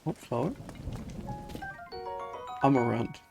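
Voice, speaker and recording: A streamer plays a game and reads its dialogue aloud, offering casual live commentary with a dry, wry edge. His voice is medium-pitched, slow and gravelly. Game music plays faintly behind him.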